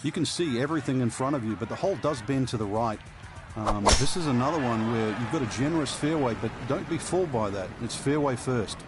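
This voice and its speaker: A man's voice: medium pitch, expressive, brisk, music in the background, lightly acted, rough recording. A man playing an easygoing golf analyst, giving conversational, explanatory commentary on the course. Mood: relaxed, advisory.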